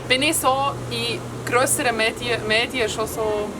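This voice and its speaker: A woman's voice: fairly high pitch, fairly even intonation, a little slow. Giggly Swiss German woman, distant and noisy. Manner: playful, giggly. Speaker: guest. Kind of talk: casual guessing-game chat. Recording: distant mic in a noisy place with vehicles.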